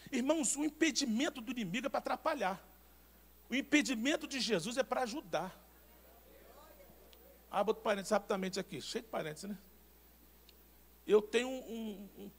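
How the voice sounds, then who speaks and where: A Brazilian man preaching a sermon as pastor, telling personal anecdotes in an animated, emphatic way with repeated words. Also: very high-pitched, gravelly. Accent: Brazilian Portuguese.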